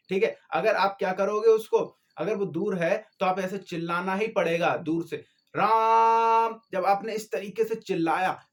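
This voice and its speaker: Man, grammar teacher, high-pitched, lecture style, asks then answers, repeats terms. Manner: asks questions and answers them himself, repeats key terms; drawn-out syllables to demonstrate vowel length.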